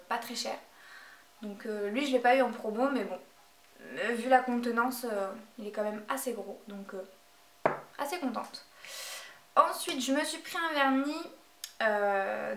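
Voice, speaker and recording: A woman reviewing beauty products in a casual vlog, talking hesitantly with many filler sounds. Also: fairly high pitch. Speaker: beauty vlogger. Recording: echoey room, voice from a distance.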